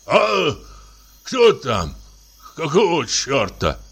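A man's voice: on the low side, big pitch swings, takes it slowly, fairly bright tone, pitched above the performer's own voice, heavily acted. A man reading an audiobook voices a huge middle-aged man woken at night, sighing and breathing heavily. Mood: sleepy, grumbling. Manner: sighing, groaning, heavy breathing.

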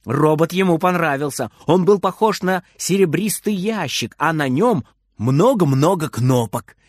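A man narrating a children's story aloud, lively and expressive. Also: a little high, a little slow, no echo, clean studio sound. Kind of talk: storybook reading.

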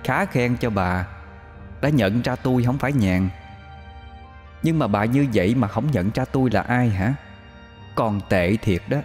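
A man's voice: mid-range voice, lively intonation, mellow, long reverb tail, faint music behind, pitched above the performer's own voice. A man putting on a cold, scornful female ghost. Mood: mocking. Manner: cold, slow and mocking.

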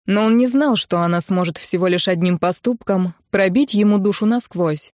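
A woman narrating a romance audiobook in an even, steady storytelling voice. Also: medium pitch, normal speed, no echo, clean studio sound.

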